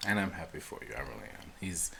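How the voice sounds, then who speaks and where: A man co-hosting a relaxed podcast, chatty, laughing often and filling gaps with ums. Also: low voice, fast talker, vocal fry, slight background noise. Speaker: co-host. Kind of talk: casual chat.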